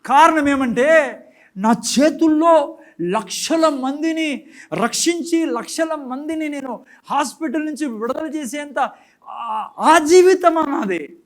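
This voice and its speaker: Regretful believer, anguished self-reproach, high male voice; pastor acts it out. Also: expressive, quick pace, few pauses, fairly bright tone. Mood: regretful lament. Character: grown man, regretful believer lamenting wasted power.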